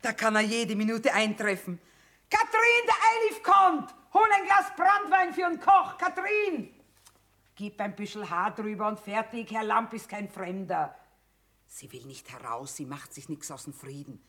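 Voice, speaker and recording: A woman's voice: mid-range voice, big pitch swings, unhurried, a bit bright. An actress playing a middle-aged, shrewd, blunt mother who trades in wartime, in earthy speech for a radio drama. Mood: wry, troubled. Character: hard-bitten, shrewd, sharp-tongued mother trading in wartime. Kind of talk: German stage-style radio drama acting.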